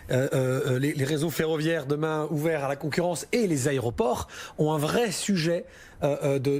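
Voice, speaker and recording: A man's voice: a little high, a little mellow. A man working as a financial adviser, explaining investments on a listener question show in a chatty, informal way with frequent hesitations.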